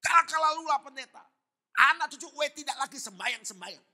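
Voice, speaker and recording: A man voicing an angry old man who shouts in a high, shrill voice. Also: animated, fast talker, exaggerated voice. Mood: furious.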